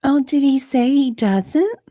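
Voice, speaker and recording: A woman with a high, warm voice takes the role of a hesitant witness in an amateur deposition reading, speaking slowly and expressively while stretching out her uncertain replies. The studio sound is clean with no echo.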